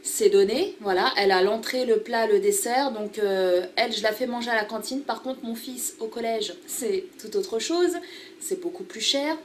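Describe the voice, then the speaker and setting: A woman's voice: on the high side, moderate pace, slight background noise. A woman, chatting casually about her family's daily routine in a home vlog. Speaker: family vlogger.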